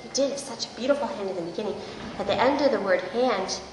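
A woman speech therapist coaching a young child, modelling words in a slow, exaggerated, encouraging way. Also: mid-range voice. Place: indoors at a table in a hard-walled room. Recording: echoey room, clear background noise.

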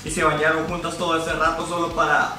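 A man's voice: a little high, level tone, moderate pace, reverberant, recorded from a distance. A young man doing sarcastic, comedic anime commentary, arguing with himself and swearing. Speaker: reaction commentator.

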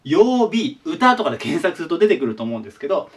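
A man's voice: on the high side, very animated, quick pace. A man giving a casual whiteboard lesson as an online tutor, chatty and sharing his own memory tricks. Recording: voice a bit distant from the mic.

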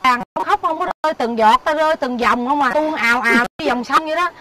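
A woman's voice: sits high, quick pace, bright, forceful tone, slight background noise. A woman with a Southern Vietnamese accent playing a young woman who teases her weeping ex-lover in a comedy sketch, chattering and mocking. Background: background music.

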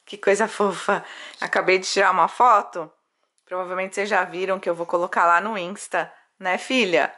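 A woman's voice: mid-range voice, steady tone, normal speed, pushed and bright. A young Brazilian woman vlogging casually at home, chatty and doting as she talks to her baby. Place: at home, bedroom.

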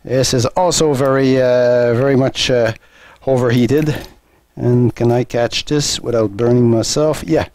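A man's voice: medium pitch, fairly even intonation, a little slow, few pauses, a little mellow, no echo. A man hosting a welding channel, casually demonstrating and explaining in his home garage workshop, thinking aloud with many fillers and restarts. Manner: matter-of-fact, thinking aloud.

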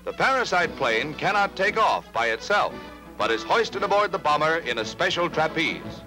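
A man narrating a 1940s newsreel in a brisk, dramatic announcer style, heard as an old newsreel recording. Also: a little high, big pitch swings, poor audio. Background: loud music.

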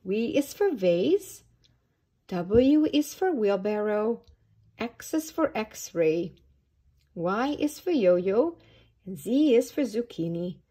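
A woman reads a picture book to small children in an unhurried, sing-song way. Her voice rises and falls widely and has a mellow, slightly husky tone. She often stops to ask the little listeners questions. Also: medium pitch, lively intonation. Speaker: early years storytime reader.

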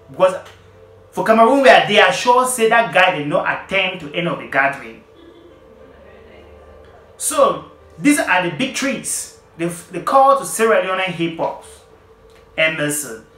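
Young man, animated vlog commentary, bright tone, roomy echo. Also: fairly high pitch. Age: young adult. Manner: animated, emphatic, addresses viewers directly. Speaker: vlogger. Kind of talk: casual commentary to camera. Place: plain indoor room.

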